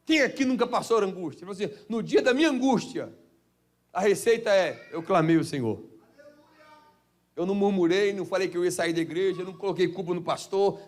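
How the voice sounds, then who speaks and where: Fervent high-voiced Brazilian pastor preaching. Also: male voice. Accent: Brazilian Portuguese, Minas Gerais. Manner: fervent preaching, swings from shouted exclamations to hushed low asides. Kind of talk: Pentecostal sermon. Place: church.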